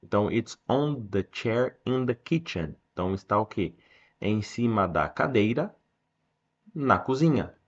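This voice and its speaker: Low-voiced Brazilian teacher explaining English. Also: male voice, lively intonation, lo-fi sound. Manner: slows down to read English sentences aloud. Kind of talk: explaining a reading text.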